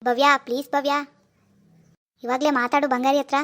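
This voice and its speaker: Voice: high voice, little pitch movement, normal speed, fairly bright tone. A voice actor playing Sanju, a young cartoon boyfriend who keeps begging and wheedling. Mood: pleading. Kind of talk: cartoon voice acting.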